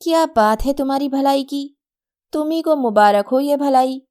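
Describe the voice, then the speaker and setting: A woman voicing a strict, sharp-tongued elder sister and mother who scolds and mocks. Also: sits high, moderate pace, voice pushed up, natural voice. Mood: sarcastic. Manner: scolding, sarcastic.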